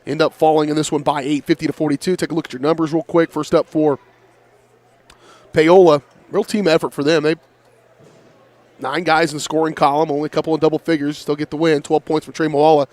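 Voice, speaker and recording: A Midwestern man hosting a postgame sports wrap-up, running through scores and stats as his voice goes hoarse. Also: fairly high pitch, little pitch movement, a little mellow, dry recording. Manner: brisk, rattles off scores and stats. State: voice going hoarse. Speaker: play-by-play announcer.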